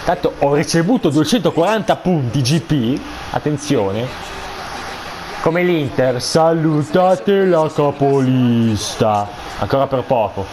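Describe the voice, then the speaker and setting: A man giving excited football video game commentary, explosive and foul-mouthed, cursing between shouted player names. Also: a little high, slow pace, noisy background.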